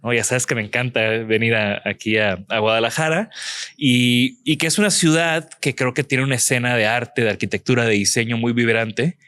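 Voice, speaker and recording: A man hosting a podcast interview, talking in a relaxed, rambling way with frequent restarts. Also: medium pitch, moderate pace, smooth, dry recording. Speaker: podcast host. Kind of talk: casual interview chat. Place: museum house-studio.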